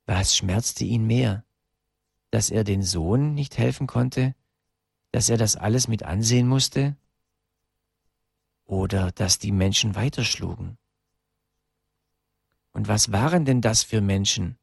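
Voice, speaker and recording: A man narrating a story slowly and emotively, with dramatic pauses. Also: fairly low pitch, gravelly, breathy edge, dry recording, clean studio sound.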